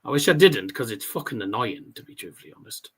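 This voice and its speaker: A man's voice: mid-range voice, very animated, fast, slightly rough. A man, a stutter and R's that come out as W's, chatting casually and commentating as a livestream host, with some swearing. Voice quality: cannot pronounce R's, says w for r. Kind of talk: casual watchalong chat and darts commentary.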